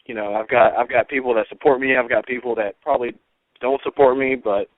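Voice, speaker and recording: A man in his late twenties talking casually and earnestly in an interview as a fighter and coach, haltingly, repeating words and often saying "you know". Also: mid-range voice, fairly even intonation, dry recording. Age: 20s. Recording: thin, phone-like radio or phone line.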